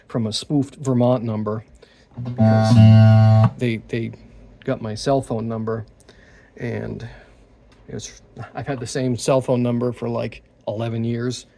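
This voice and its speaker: A man's voice: mid-range voice, vocal fry, warm tone, a little hiss or hum. A man working as a guitar repair technician, talking casually through the job and muttering to himself between tasks. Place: repair workshop.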